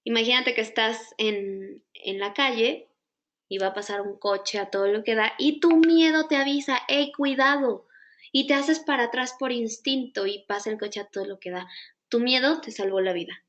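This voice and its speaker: A woman's voice: a little high, normal speed, a bit bright, highs cut off. Mexican woman teaching a psychology class. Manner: conversational, asks the audience many rhetorical questions. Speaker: psychology instructor. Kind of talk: live online class.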